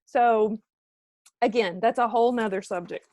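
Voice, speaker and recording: A middle-aged woman, giving an animated motivational talk to her team on a live video and calling out viewers by name. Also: on the high side, moderate pace, no echo. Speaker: team leader.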